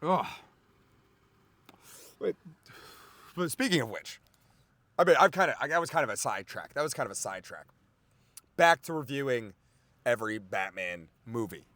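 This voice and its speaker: A man hosting a comedy podcast, rambling excitedly through a profane monologue full of sidetracks. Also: medium pitch, normal speed, long pauses, dry recording.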